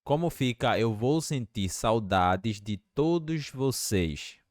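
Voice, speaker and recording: A man teaching English in a lesson, slowly repeating example phrases. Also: medium pitch, animated, darkish tone, no room sound, clean studio sound. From Brazil. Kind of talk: language lesson.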